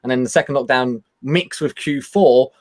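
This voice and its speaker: A man's voice: mid-range voice, normal speed. A British man chatting casually as a guest, rambling and repeating words as he goes. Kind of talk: casual chat.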